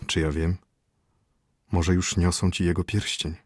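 A sorrowful elderly court physician murmurs his grim verdicts, as a man reads him. The voice is low and husky, close and dry, as in an audiobook. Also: little pitch movement, unhurried, no room sound. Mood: grave. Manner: hushed, half-whispered. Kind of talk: audiobook character voice.

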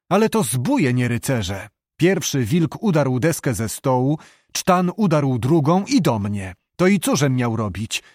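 Stubborn calm young knight, measured delivery, man voicing, storybook reading, animated pitch. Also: dry recording, studio quality. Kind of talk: audiobook character reading.

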